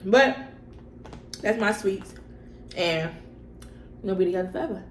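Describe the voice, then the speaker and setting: Speaking at a medium pitch and ordinary pace, a young woman vlogger answers personal questions during a relaxed mukbang video. Her talk is slangy and loose, with repetition for emphasis, and the room echoes over a faint background hum.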